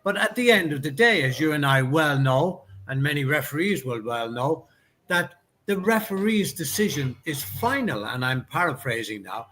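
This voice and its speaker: A man's voice: on the high side, sing-song, moderate pace, bright, forceful tone. A man, a former top-level referee, talking as a guest over a video call, thoughtful and questioning, with frequent ums. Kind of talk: casual chat on a video call. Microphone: video call mic.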